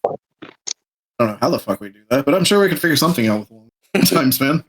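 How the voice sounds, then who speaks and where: A man's voice: medium pitch, animated, fast, lightly acted. A man playing a brooding, laid-back adventurer in a tabletop game, terse and casual, over a slightly noisy microphone.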